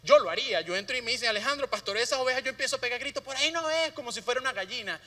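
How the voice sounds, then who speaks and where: A man preaching a sermon as pastor, often dropping to a soft hushed voice to stress a point. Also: very high voice, racing. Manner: drops to a soft hushed voice for emphasis. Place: church sanctuary. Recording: long hall reverb.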